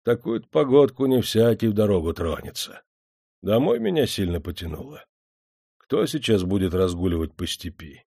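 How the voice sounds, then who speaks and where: A man voicing a weathered, calm old male wanderer who talks unhurriedly in folk sayings. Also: on the low side, moderate pace, gravelly, slightly rough, dry recording, clean studio sound, exaggerated voice.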